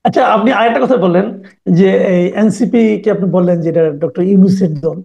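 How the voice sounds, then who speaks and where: A man hosting a political talk show, asking measured, probing questions. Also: high voice, warm tone, muffled recording.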